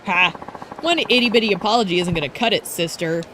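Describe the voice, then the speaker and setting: A woman's voice: medium pitch, a little fast, fairly bright tone, a little hiss or hum, lightly acted. A woman voicing a bratty, arrogant young female rival idol who talks in a haughty, taunting, boastful way.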